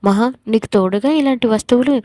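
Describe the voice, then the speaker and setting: A woman's voice: on the high side, brisk, warm tone, no echo, studio quality, natural voice. A woman reading the lines of an arrogant, mocking young man in her own voice, with a sarcastic edge. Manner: sarcastic and taunting.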